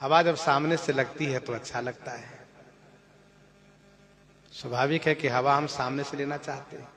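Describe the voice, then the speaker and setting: A man preaching on a sacred verse epic, who chants the verses slowly and then explains them in plain with a tinge. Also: mid-range voice, steady tone, a bit bright. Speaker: Ramayana preacher. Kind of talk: sung verses with spoken explanation.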